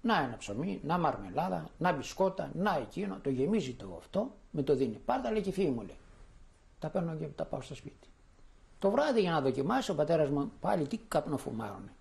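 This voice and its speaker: An older man from Thessaloniki recounting his memories in an interview. His voice is gravelly and sits somewhat high, and his pitch swings widely as he acts out the people in his story. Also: sing-song, darkish tone. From Thessaloniki, Greece. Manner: vivid storyteller acting out quoted voices. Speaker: interviewee giving testimony. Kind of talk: spoken memoir testimony.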